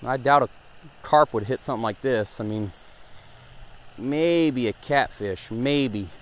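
A young man gives excited, casual running commentary to viewers while fishing from a pond bank, recorded on a head-mounted action camera outdoors. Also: medium pitch, unhurried. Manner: excitable, talks to viewers as guys. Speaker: fishing vlogger.

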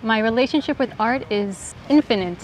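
A woman from Puerto Rico, an artist, calmly talking about her work in an interview. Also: fairly high pitch, normal speed, slight background noise, rough recording. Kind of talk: interview monologue.

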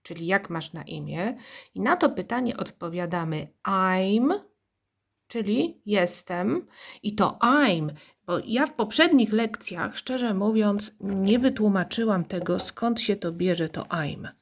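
A woman's voice: medium pitch, expressive, slow pace, gravelly. A woman teaching English to young children in a recorded lesson. She explains patiently, tells playful little stories and has the class repeat after her.

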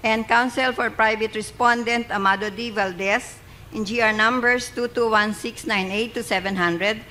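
A middle-aged woman with a Filipino accent, a clerk of court formally and deliberately reading out case numbers and names. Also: on the high side, steady tone, bright, forceful tone, a little hiss or hum, low-quality recording. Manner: formal, deliberate, enunciating each name. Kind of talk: formal roll call, reading case titles and names aloud. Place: court session hall.

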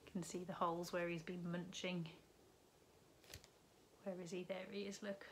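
Reading a picture book to children indoors from her living room, this teacher's low voice moves slowly and expressively, lifting brightly on important words. A little hiss or hum is audible.

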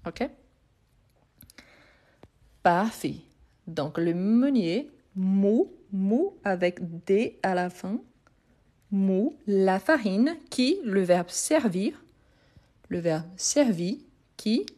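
Slow, patient woman teaching. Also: medium pitch, lively intonation, warm tone. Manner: repeats and spells out words slowly, answers viewers' chat. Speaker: French teacher. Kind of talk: live online grammar lesson.

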